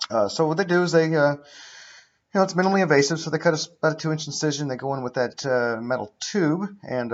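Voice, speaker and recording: A middle-aged man giving a casual, explanatory account as a patient, speaking in a halting, matter-of-fact way into a webcam indoors. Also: mid-range voice. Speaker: patient recounting his own surgery. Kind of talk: casual explanatory vlog monologue. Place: indoors, living room with high ceiling. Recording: dull lo-fi webcam audio.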